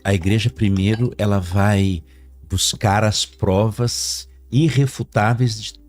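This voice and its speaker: A man who is a priest, a guest on a podcast, calmly explaining how the church weighs evidence. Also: on the low side, slow pace, no room sound. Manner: calm, affirming interjections, explains church practice. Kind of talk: casual chat.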